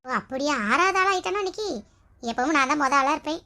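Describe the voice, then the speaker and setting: A woman performing several village characters in a comedy skit, bantering and scolding quickly. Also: sits high, pushed and bright. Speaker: sketch performer.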